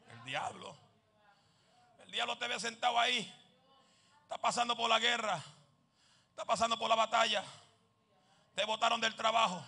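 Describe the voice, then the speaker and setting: Gravelly high-voiced fervent evangelist man. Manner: fervent, mixes in English phrases; shouted repeated refrains. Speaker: evangelist preacher. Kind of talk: fiery Pentecostal sermon.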